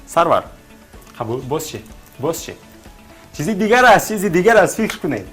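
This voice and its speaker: A man's voice: on the high side, sing-song, a bit bright, husky, soft background music. Coaxing Tajik-accented male quiz host. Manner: coaxing, repeats answers back, urges contestants to think. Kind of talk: TV quiz hosting.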